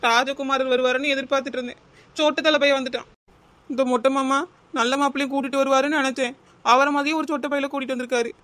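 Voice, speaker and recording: A woman voices a cartoon character: a weepy young village woman with a high, bright, flat-toned voice and a Kanyakumari Tamil accent. She rushes through sulky, tearful complaints.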